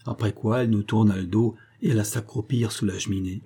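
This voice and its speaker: Low husky male audiobook narrator. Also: fairly even intonation, fairly quick, dark tone.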